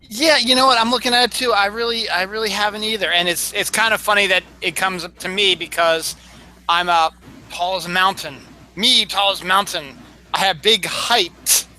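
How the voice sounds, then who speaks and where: A man's voice: sits high, fairly even intonation, brisk, bright, forceful tone, low-quality recording. A man co-hosting a casual chat, joking and repeating words as he tries them out. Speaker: co-host.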